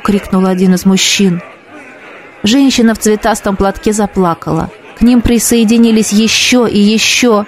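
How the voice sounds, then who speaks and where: A man with a notably high voice reads a fantasy audiobook in a measured, steady storytelling manner. A faint murmur of a crowd sits under his narration.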